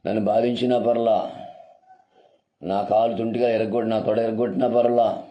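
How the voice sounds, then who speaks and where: A man's voice: fairly low pitch, little pitch movement, moderate pace, muffled recording, voice pushed up, natural voice. Jacob, a preacher doing a weeping penitent man. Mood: pleading. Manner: tearful begging. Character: remorseful pleading biblical man Jacob.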